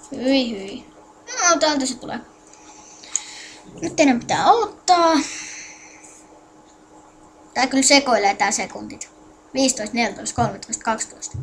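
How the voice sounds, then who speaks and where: A woman's voice: high-pitched, a bit bright, slight background noise. A woman giving a casual screen-recorded game tutorial, addressing viewers with instructions while muttering to herself as she clicks around. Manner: mutters to self while clicking, halting and distracted. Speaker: tutorial maker.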